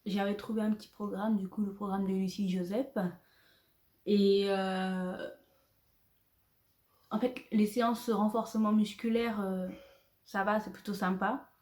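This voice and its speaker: Young female vlogger, casual and chatty, quick to laugh and to curse, mid-pitched, recorded at home in a roomy, echoey space. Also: flat delivery, darkish tone. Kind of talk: casual vlog chat to camera.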